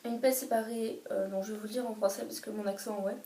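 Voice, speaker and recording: A woman's voice: mid-range voice, level tone, fast talker, dark tone. A woman chatting casually about a favourite book, hesitant and full of restarts. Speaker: book vlogger. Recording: roomy echo, distant mic, faint hiss.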